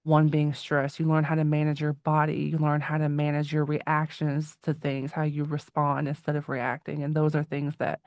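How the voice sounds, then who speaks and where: A woman in her forties hosts a casual interview in a low voice. She reflects out loud and laughs easily. The sound is dry and close. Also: monotone, normal speed, hardly any pauses, no room sound. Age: 40s. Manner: thoughtful, reflective, laughs often. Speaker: podcast host.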